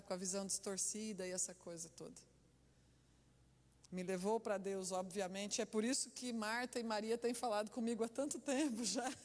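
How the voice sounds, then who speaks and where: A woman pastor preaching a sermon, telling stories with lively, animated delivery and laughter. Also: mid-range voice. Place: church hall. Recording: echoey church hall.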